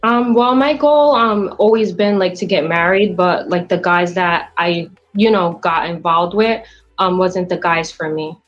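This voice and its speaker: A woman in her late twenties calling into a show, speaking hesitantly with many pauses and ums. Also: on the low side, faint music behind. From United States. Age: 20s. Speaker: caller. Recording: dull lo-fi call audio.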